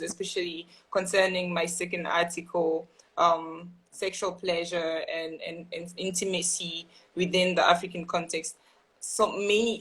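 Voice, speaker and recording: A young woman from Burkina Faso, appearing as a guest writer, talks earnestly and thoughtfully in a casual live-stream video call. Her voice is on the low side and a bit bright, the recording is low quality, and she says "um" and restarts frequently.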